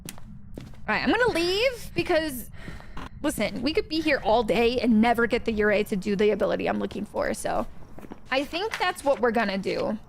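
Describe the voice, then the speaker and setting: A woman's voice: a little high, very animated, normal speed, vocal fry, a little hiss or hum. A young woman streaming a ghost-hunting game, chatting casually and greeting viewers by name. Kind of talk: casual livestream chat while gaming.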